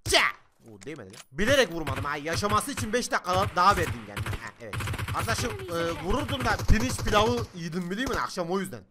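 Fast high bright man with Gaziantep accent. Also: very animated, background noise. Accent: Gaziantep Turkish. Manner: joking, rambling tall tales, bursts of shouts. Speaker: gaming comedy host. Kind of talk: comic gameplay banter in local dialect.

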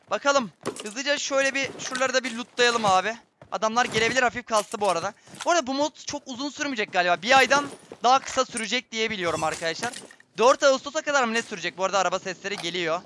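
A man giving excitable, running commentary on his own gameplay, often exclaiming when things go wrong. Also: very high voice, noisy background. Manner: excitable, swears and exclaims at deaths. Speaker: gaming streamer. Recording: game sounds and gunfire behind voice.

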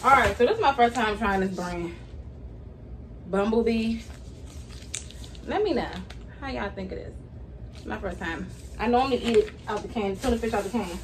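A woman's voice: mid-range voice, lively intonation, moderate pace, long pauses. Chatty woman vlogging from her kitchen. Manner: chatty, addresses viewers as y'all. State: hot and sweaty. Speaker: vlogger and mother. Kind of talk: casual grocery haul vlog. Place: home kitchen, indoors. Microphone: camera on the counter, at a distance. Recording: distant camera mic, noisy room.

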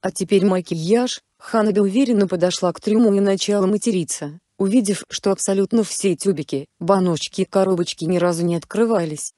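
A woman reading a fan-fiction story aloud, with steady, even storytelling. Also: medium pitch, brisk, few pauses, dry recording, studio quality.

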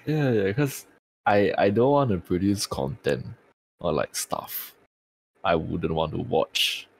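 A man's voice: sits low, very animated, takes it slowly, creaky, no room sound. A man with a tired-sounding voice, chatting casually on a podcast and swearing freely. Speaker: streamer and podcast co-host.

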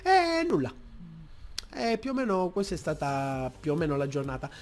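A young man, telling a story on his vlog from a desk mic at home, acting out shouting fans. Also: moderate pace. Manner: animated, acts out shouting fans in high yells. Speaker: YouTuber. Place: room at home. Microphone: desk mic with pop filter.

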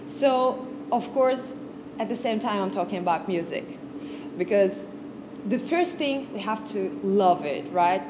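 A young woman from Kazakhstan giving an informal music talk to a class, in unhurried English, searching for words and restarting often. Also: mid-range voice. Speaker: guest music lecturer. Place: large stage with piano. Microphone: far camera, no handheld mic. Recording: audible background noise on stage.

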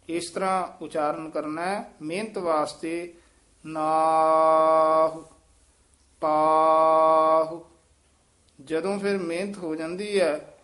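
Slow, careful male recitation teacher. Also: fairly high pitch. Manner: corrects patiently, models each word slowly. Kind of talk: pronunciation instruction.

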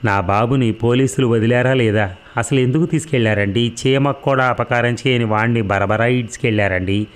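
A man's voice: mid-range voice, brisk, clear, resonant tone, close to an everyday voice. Man voicing a tearful, anxious mother. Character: distraught mother in a hospital bed.

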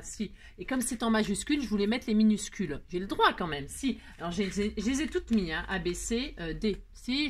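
A woman with a slightly high voice hosts a casual scrapbooking tutorial. She chats playfully, teases her viewers and mutters to herself as she works, with a faint hiss in the background. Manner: playful, teasing the viewers, rambling asides; talks to herself while working, frequent filler words. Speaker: crafting channel host.

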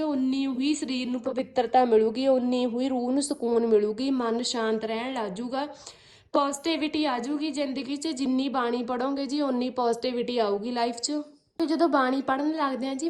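A woman's voice: on the high side, darkish tone. A woman giving earnest devotional advice, repeating phrases and coaxing listeners politely. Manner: earnest, repetitive, coaxing with frequent "ji". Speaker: spiritual speaker.

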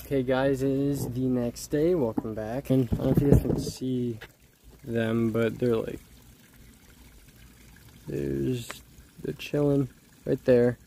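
A man casually talking viewers through his work on a project, outdoors in a backyard, in a relaxed and rambling way. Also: medium pitch, takes it slowly, vocal fry, pauses often, noisy background. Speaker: vlogger. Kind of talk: casual DIY vlog narration.

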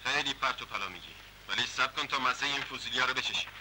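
A gloating gang leader, voiced by a man, spells out threats in a calm mid-pitched voice. It is dubbed 1960s film acting on a hissy old soundtrack. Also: close to an everyday voice. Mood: menacing.

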